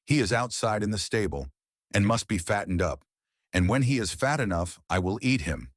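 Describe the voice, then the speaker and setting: A man's voice: lowish voice, lively intonation, normal speed, dry recording, clean studio sound. A man voicing a wicked, falsely kind old witch woman in a storybook, with a thin voice, coaxing and commanding. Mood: harsh, impatient. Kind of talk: storybook character voice.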